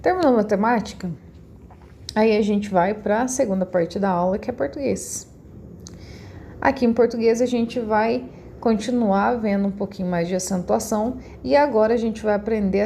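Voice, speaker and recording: A Brazilian woman teaching a recorded class, her voice mellow and darker in tone with a gravelly fry at the edges. She explains each step slowly and patiently, as if to young children. A faint hum of noise sits behind her. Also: medium pitch. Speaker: schoolteacher.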